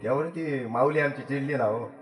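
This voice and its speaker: A man's voice: medium pitch, normal speed. A man with a Malvani Marathi accent telling a comic story on stage, teasing and repeating his punchlines. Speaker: bhajan singer and storyteller. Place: performance hall. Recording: echoey hall with faint music.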